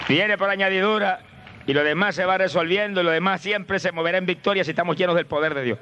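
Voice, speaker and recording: A man preaching a fervent sermon, swinging from low murmurs to high shouted praise.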